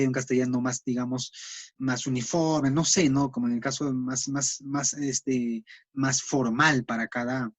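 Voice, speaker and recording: A man gives a recorded class lecture in a mid-pitched voice. He explains patiently, pausing on fillers and checking in with tag questions. The sound is dry and close, with no room echo. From Peru. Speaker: teacher.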